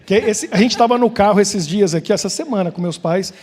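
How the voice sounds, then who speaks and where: A man's voice: high-pitched, a little fast, darkish tone. A Brazilian man, a pastor with a Brazilian Portuguese accent, gives an informal sermon, joking and asking the congregation questions. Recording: long church hall reverb.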